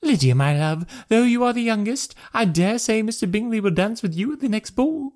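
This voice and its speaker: Male reader as nervy middle-aged mother for a classic novel, high-pitched and melodramatic. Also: expressive, a little fast, darkish tone. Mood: delighted, gushing. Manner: shrill, dramatic, exclaiming. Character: fretful, gushing middle-aged mother, highly strung. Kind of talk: audiobook character voice.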